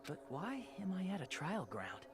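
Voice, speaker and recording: A woman voicing a bewildered young male student from a video game, reading his lines slowly while playing. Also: lowish voice, sing-song, over music, voice pushed down. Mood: confused. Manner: slow, bewildered.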